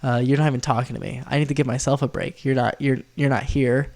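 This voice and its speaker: A man with a nasal, stuffed-up voice from being sick, chatting casually through a tier list in a rambling, excitable way. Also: mid-range voice, fast, vocal fry. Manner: rambling, filler-heavy, easily excited. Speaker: video host.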